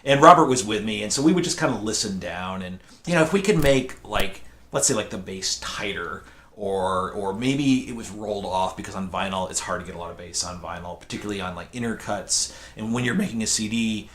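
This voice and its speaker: A man's voice: lowish voice, expressive, a little fast, fairly bright tone. A man, a mastering engineer guest, explaining technical details in a casual podcast chat with many fillers.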